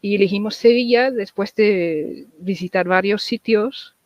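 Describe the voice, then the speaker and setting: Speaking Spanish as an interview guest, a woman from England whose native language is English talks casually in an Andalusian accent colored by English, faltering and repeating words. She has a mid-range voice and speaks a little slowly.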